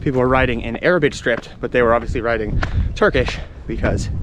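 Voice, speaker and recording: A travel vlogger walks around outdoors, explaining things unscripted as he explores, in a casual, chatty, informal way. He speaks quickly in a mid-range voice, with background noise behind him.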